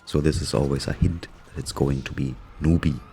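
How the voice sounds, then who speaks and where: A man's voice: very deep voice, fairly even intonation, fairly quick, dark tone, slight background noise. A man with a German accent narrating his gameplay in a dry, sarcastic, amused way. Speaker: gaming YouTuber narrating gameplay. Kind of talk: casual gameplay commentary.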